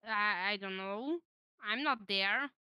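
A woman's voice: medium pitch, slow, clear, resonant tone, no room sound, dull audio. A young woman with a Dutch accent, complaining in frustration while playing an online game. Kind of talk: casual gaming chat.

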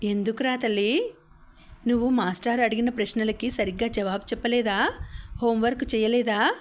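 A woman's voice: fairly high pitch, steady tone, normal speed, natural voice. Woman reading a tender, caring mother. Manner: tender, coaxing. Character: affectionate, caring mother, young adult.

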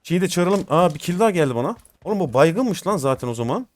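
A man's voice: on the high side, expressive, fast, a little mellow. A young man giving live gameplay commentary as a gaming host, informal and slangy, talking to his viewers as friends.

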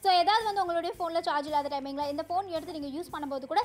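A woman's voice: very high voice, rapid-fire. A woman with a Tamil accent co-presenting a teleshopping demo, chatty and stringing her points together. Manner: chatty, keeps saying "so".

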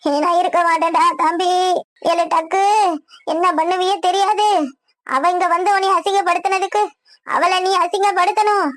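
Woman voicing a shrill old village mother, wailing. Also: fairly even intonation, normal speed, no echo, clean studio sound. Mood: lamenting. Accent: Kanyakumari Tamil. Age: older. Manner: loud, lamenting, melodramatic. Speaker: voice actor in a village comedy cartoon. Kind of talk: comic cartoon voice acting.

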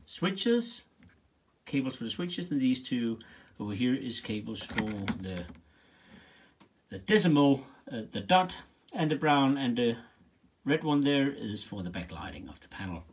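A man's voice: mid-range voice, animated, slight background noise. A man explaining how he wired his home-built cockpit panels, sketching on a whiteboard in his workshop and counting the wires aloud as he draws. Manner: talks while drawing diagrams, counting wires aloud with pauses. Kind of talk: casual hands-on tutorial.

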